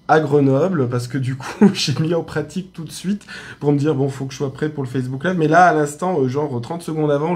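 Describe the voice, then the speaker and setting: A man's voice: mid-range voice, a little mellow. A man with a French accent chats casually on a live stream from a hotel room, his voice in the middle range. He talks loosely with many fillers, restarts and small laughs at himself. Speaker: aromatherapy teacher.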